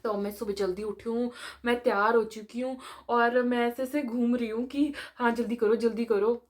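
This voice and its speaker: A woman's voice: a little high, little pitch movement, normal speed. A young woman telling a storytime vlog in casual chat, mixing Hindi and English. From India. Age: young adult. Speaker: vlogger, medical student.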